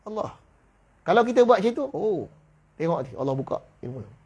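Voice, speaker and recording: A man with a Malaysian Malay accent giving a religious lecture in a mosque hall, reading slowly from a book and then explaining in brisk, casual speech. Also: sits high, very animated, darkish tone, breathy edge, highs cut off. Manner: slow deliberate reading of kitab passages, then brisk colloquial explanation with laughs; acts out voices in quoted stories. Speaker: religious teacher.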